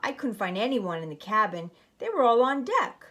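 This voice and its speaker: At a moderate pace, a woman with a highish, somewhat bright voice speaks in a sing-song way. She's a teacher reading from a storybook and showing how to make a craft, narrating and instructing step by step.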